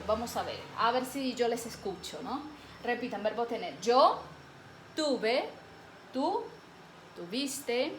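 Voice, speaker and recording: Patient woman teacher, roomy echo. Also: a little high. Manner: patient, drills conjugations slowly, checks in with "¿ok?". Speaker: Spanish teacher. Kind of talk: video lesson. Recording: roomy echo, faint background hiss.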